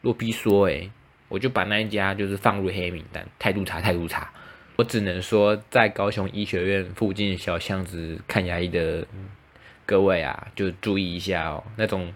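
A young man with a low voice, fairly even intonation and a moderate pace hosts his own casual solo podcast in a Taiwanese Mandarin accent. He pokes fun at himself and acts out the dialogue in his stories.

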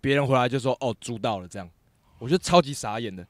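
A man's voice: medium pitch, fast, no room sound, studio quality. A young man, co-hosting a casual chat and telling work stories with a laugh. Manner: animated, laughs through his stories. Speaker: podcast co-host, former film art crew.

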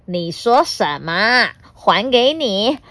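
A woman voicing a mean, bullying male villain dinosaur in a storybook reading, talking slowly and loudly with a taunting edge. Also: medium pitch, big pitch swings, no echo, voice pushed up. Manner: slow, taunting, loud.

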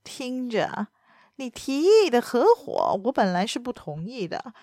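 A woman voicing a scheming middle-aged male baron, a villain in a storybook reading, speaking low and sneering. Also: very animated, unhurried, warm tone, dry recording, clean studio sound.

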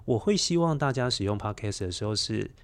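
Fairly low-pitched and animated, this Taiwanese-accented man talks fairly quickly. He's a children's storyteller guesting on a podcast, reflecting aloud in interview style and doubling up words to stress them.

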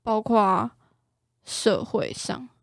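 A woman's voice: mid-range voice, steady tone, extremely slow, vocal fry, no echo, studio quality. A woman with a Taiwanese Mandarin accent chatting casually and bluntly about herself in an informal way. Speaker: guest sharing relationship stories. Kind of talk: casual chat.

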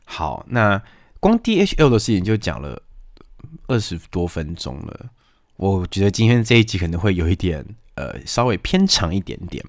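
A man telling his own stories in a casual monologue, complaining in an animated, exasperated way and throwing out rhetorical questions. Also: sits low, moderate pace, no echo, studio quality. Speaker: vlogger telling personal stories.

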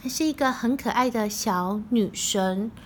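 A woman reading a picture book aloud to a child, playful and animated, asking the child questions. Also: a little high, unhurried, a little hiss or hum.

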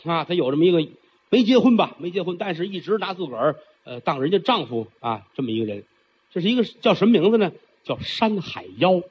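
A man's voice: high voice, big pitch swings, fast talker, slight background noise. A man performing traditional storytelling, theatrical and chatty, with frequent asides to the listener. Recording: dull lo-fi recording.

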